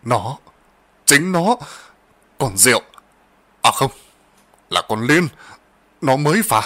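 A man voicing an old rural master who is gruff, bossy and blustering, and who stammers in fear. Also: medium pitch, very animated, normal speed, pushed and bright. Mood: stammering scared.

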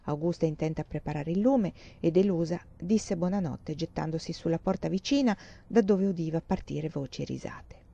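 A woman reading a novel aloud in a calm, measured way, on a dull lo-fi recording. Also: low voice, gravelly. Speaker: audiobook reader.

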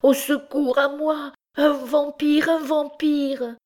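A woman's voice: medium pitch, lively intonation, takes it slowly, darkish tone, pitched above the performer's own voice. A woman reading an audiobook, voicing a terrified young woman who cries out desperately against her attacker. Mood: screaming.

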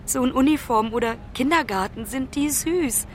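A woman's voice: high voice, moderate pace, a little hiss or hum, lightly acted. An actress playing a lonely young woman who calls her mother from abroad, talking urgently and pleadingly. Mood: chatty. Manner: urgent, pleading phone talk. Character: lonely young woman traveller, anxious and affectionate. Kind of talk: radio play acting.

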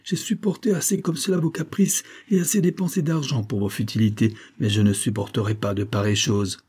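A man's voice: fairly low pitch, fairly quick, slightly rough. A man reading an audiobook voices a spoiled young nobleman who rants in fury. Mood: furious. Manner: ranting, shouting.

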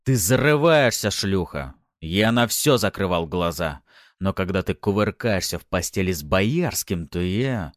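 A man's voice: low voice, expressive, unhurried, no echo, studio quality. A man doing a growling, brutal domineering husband. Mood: menacing. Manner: growling, threatening.

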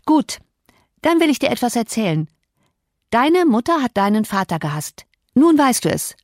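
A woman's voice: fairly high pitch, very animated, normal speed, no room sound, studio quality, pitched above the performer's own voice. A woman reading an audiobook, voicing a sickly, petulant teenage boy who whines and taunts. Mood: taunting. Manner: whiny and taunting.

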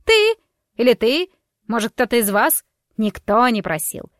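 Woman doing a shrill spiteful scandalmonger. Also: sing-song, unhurried, no room sound, clean studio sound. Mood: shrieking. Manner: shrieking, scornful and accusing.

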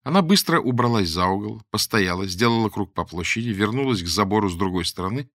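A man reading an audiobook aloud in an expressive storytelling manner. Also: lowish voice, fast talker, dry recording, clean studio sound. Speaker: audiobook narrator. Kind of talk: scripted narration.

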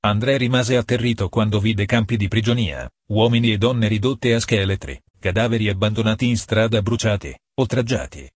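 A man reading a story aloud as an audiobook narrator, in a measured way that slows for emphasis. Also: fairly low pitch, breathy edge, no room sound, clean studio sound.

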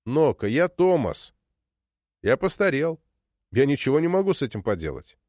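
A patient aging husband who soothes with calm, gentle reassurance, his voice lively in pitch, as a man reading a storybook plays him. The sound is close and dry. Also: moderate pace, no echo, natural voice. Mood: wry.

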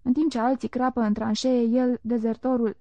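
A woman reading the lines of an exhausted, hoarse male chief army surgeon, curt and gruff. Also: a little high, little pitch movement, warm tone, dry recording, lightly acted. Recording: dull lo-fi recording.

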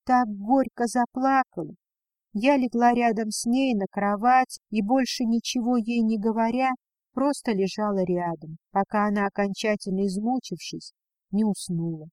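A woman reading a first-person audiobook in a quiet, subdued way. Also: on the high side, steady tone, moderate pace, dry recording. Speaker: audiobook narrator.

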